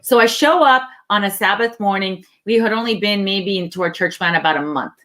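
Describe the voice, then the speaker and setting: A woman co-hosting a faith talk, telling a personal story in a relaxed conversational way and acting out the lines of the people in it. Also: mid-range voice, brisk. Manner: earnest, acts out quoted dialogue, laughs easily. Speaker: co-host sharing her testimony.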